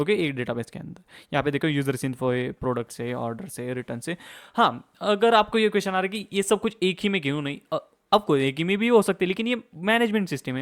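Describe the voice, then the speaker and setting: Fast-talking young man teaching a tech lesson. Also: a little high. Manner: fast-talking, mixes English terms into Hindi, frequent "okay, theek hai" check-ins. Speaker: course instructor. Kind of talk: casual screen-share tutorial.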